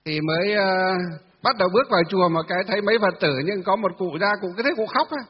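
A monk with a high, husky voice gives a sermon, asking questions and answering them himself, pausing often on filler sounds. The recording sounds dull and distant, with a long echo in a temple hall. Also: male voice. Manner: many filler sounds, halting delivery. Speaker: Buddhist monk teacher. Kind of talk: dharma talk.

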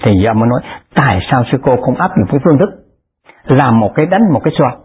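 Husky man's lively dharma talk. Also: mid-range voice, fast. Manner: animated, acts out the people in his stories. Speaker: Buddhist lay dharma speaker. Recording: tinny lo-fi phone-like recording.

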